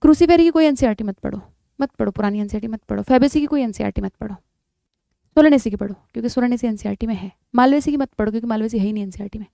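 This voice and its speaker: A woman teaching a biology revision lesson with an emphatic, coaxing delivery. Her voice is smooth and resonant, with a gravelly edge of fry at phrase ends. The sound is dry and close, with no room around it. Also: a little high, racing, mellow, no echo. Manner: emphatic, coaxing, calls students "beta". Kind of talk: exam revision lecture.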